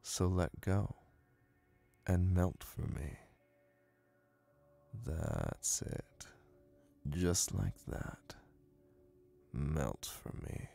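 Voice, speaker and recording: A voice actor plays a young hypnotist classmate, using an exaggerated low voice thick with vocal fry. He sounds confident and dominant, guiding the listener in a soft, soothing ASMR style with slow, deliberate delivery.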